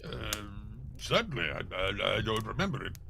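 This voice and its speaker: A man playing a flustered, kindly gentleman doctor with a raspy voice, blustering and hesitant in old-time radio style. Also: fairly low pitch, sing-song, normal speed, a little hiss or hum, heavily acted. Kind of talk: cold-read live old-time radio drama acting.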